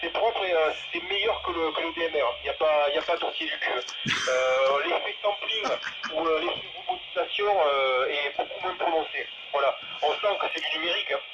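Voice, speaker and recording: An amateur radio operator chats casually and with plenty of slang over a two-way radio. His fairly high voice swings widely in pitch at a moderate pace. The transmission sounds noisy and muffled.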